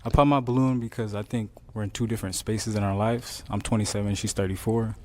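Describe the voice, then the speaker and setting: A man's voice: on the low side, steady tone, quick pace, slight background noise. A man in his twenties on a dating show, explaining himself in a hesitant way. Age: 20s. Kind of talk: casual explanation.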